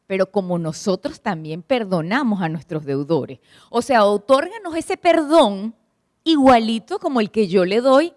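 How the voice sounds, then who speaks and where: A woman's voice: fairly high pitch, darkish tone, no room sound, studio quality. A woman preaching to a church congregation, asking them questions and retelling stories expressively. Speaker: church speaker at a prayer meeting.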